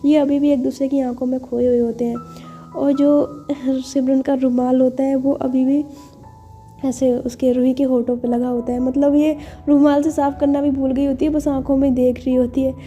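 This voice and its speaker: A woman's voice: high voice, little pitch movement, normal speed, dark tone, dull audio, faint music behind. A woman narrating a romance audio story in a chatty, casual way with laughing asides.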